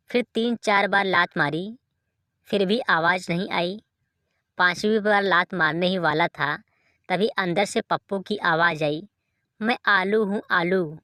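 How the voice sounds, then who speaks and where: Slow, low-pitched woman reading jokes. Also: a bit bright, no room sound, clean studio sound. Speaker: joke reader. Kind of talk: reading short jokes aloud.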